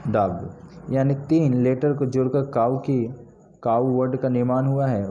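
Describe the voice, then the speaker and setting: Slow, dark-voiced male teacher. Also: mid-range voice. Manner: slow, spelling words out letter by letter. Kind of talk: grammar lesson.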